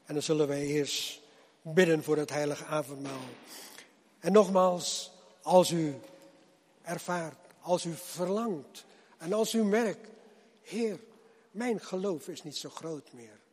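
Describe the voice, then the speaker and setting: A man preaching a sermon to his congregation, slow and husky, his voice swelling loud and then dropping low as he calls them to come. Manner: slow, swelling and dropping loudness with repeated appeals. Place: church hall. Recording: long reverb of a church hall.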